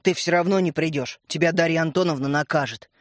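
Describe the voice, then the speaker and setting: A man's voice: on the high side, fairly quick, no room sound, studio quality, natural voice. A man doing a bossy, suspicious schoolgirl.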